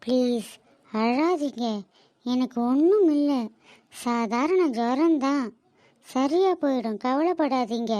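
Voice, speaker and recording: Woman for cartoon drama: soft, feverish young wife with a high, mellow voice. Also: animated, slow pace. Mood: tender. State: weak with fever.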